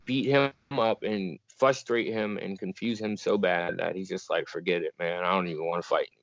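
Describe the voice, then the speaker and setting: A young bare-knuckle fighter from Virginia joins a video call interview as a guest, talking in a low, slightly fast voice. He's relaxed and easygoing and laughs often, and the call audio is muffled and dry, with no room sound.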